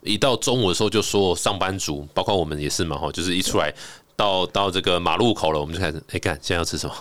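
A man with a Taiwanese Mandarin accent hosting a casual interview, chatty and quick to exclaim. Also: low-pitched, a bit bright, no room sound. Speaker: interviewer, host.

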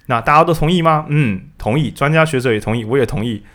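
A man's voice: mid-range voice, fast, fairly bright tone. A man co-hosting a casual book discussion, acting out quotes in raised voices. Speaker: podcast co-host.

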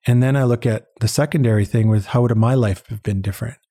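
The head of an international eye-care charity, born in Uganda and later a resident of Canada, tells personal stories as an interview guest. He talks fast in a mellow, medium-pitched voice, earnest and reflective, and repeats words for emphasis.

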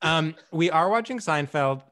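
A man's voice: fairly high pitch, expressive, unhurried, fairly bright tone. A man co-hosting a podcast in casual comedic chat, wry and self-deprecating. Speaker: podcast co-host.

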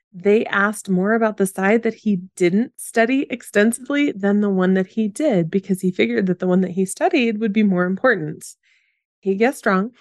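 A woman's voice: mid-range voice, dry recording. Upbeat encouraging woman, dry close sound. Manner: upbeat and encouraging, asks listeners questions, laughs easily. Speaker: podcast host and business coach for photographers. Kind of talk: solo motivational podcast talk.

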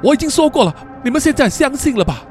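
A man voicing a panicky, foul-mouthed teenage student who keeps insisting something is wrong, over soft background music. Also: very high-pitched, sing-song, fast, voice pushed up. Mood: panicked. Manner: frantic, swearing, insistent.

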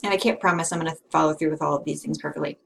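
Chatty woman podcast host, low voice. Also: steady tone, very fast, vocal fry, slight background noise. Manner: chatty, self-deprecating. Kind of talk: casual interview.

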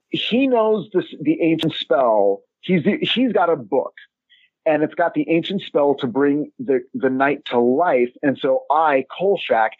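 A husky-voiced man chats casually and comically as a podcast co-host. The sound is dry and narrow, like a dull phone line. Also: a little high, no echo. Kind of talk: casual comic chat about an old TV show.

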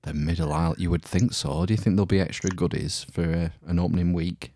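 A man's voice: low voice, fairly even intonation, fast, warm tone. A middle-aged man chatting casually as a comedic podcast co-host from inside a small trailer. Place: inside a caravan on holiday. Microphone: online call, close dry sound.

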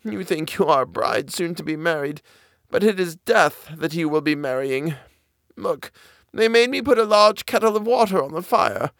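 A man voicing a very old woman who speaks slowly and softly with urgent pity. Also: on the high side, animated, vocal fry, no room sound, clean studio sound, pitched above the performer's own voice. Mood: hushed urgent. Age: older. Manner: slow, pleading, hushed. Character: very old kindly woman, hushed.

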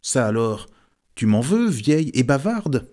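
A man's voice: mid-range voice, sing-song, a little slow, darkish tone, pitched above the performer's own voice. A man voicing a chatty, teasing middle-aged wife and mother in an audiobook. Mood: playful. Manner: chatty, fond.

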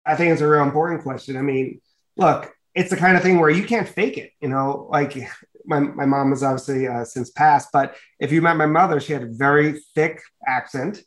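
A man's voice: on the high side, fairly quick. A middle-aged man, raised in a Dominican family in the United States, answering interview questions earnestly and fluently, with many "you know" fillers. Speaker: guest, media company executive.

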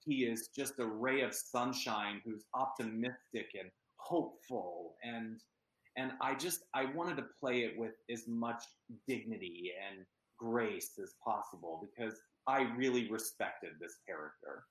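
A man's voice: mid-range voice, a little slow, a bit bright, reverberant, rough recording. A man from Pennsylvania talking as an actor in an interview, earnest and chatty with many ums. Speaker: actor and guest. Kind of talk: casual interview chat.

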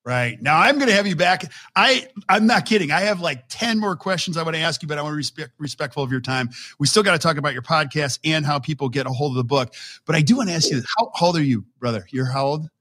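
A man's voice: on the high side, lively intonation, quick pace, hardly any pauses, pushed and bright. A man of fifty hosting a podcast interview in a chatty, agreeable way. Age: 50s. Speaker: podcast host.

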